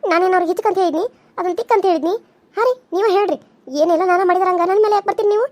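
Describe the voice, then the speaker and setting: A woman's voice: extremely high pitch, very fast, darkish tone, dry recording. A woman voicing a timid young village wife in a cartoon serial, pleading and whiny, with a North Karnataka accent. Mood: tearful. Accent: North Karnataka Kannada.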